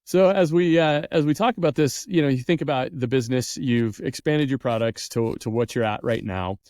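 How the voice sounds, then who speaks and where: A man's voice: mid-range voice, brisk, darkish tone, no room sound, clean studio sound. A man hosting a business interview podcast, adding encouraging, reflective comments between questions. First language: English. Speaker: podcast host. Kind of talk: interview conversation.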